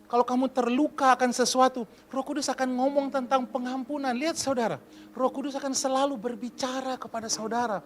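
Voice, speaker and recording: A man, a pastor giving a lively sermon in church and asking the congregation questions. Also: very high voice. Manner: lively preaching, asks the congregation questions, mixes in English.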